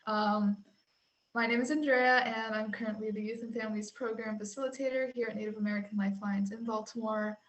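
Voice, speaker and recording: A woman from Puerto Rico hosting an information session on a video call, talking in a relaxed way with many ums. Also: fairly high pitch, a little fast, low-quality recording. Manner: relaxed, filler-heavy with frequent ums. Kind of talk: casual hosting.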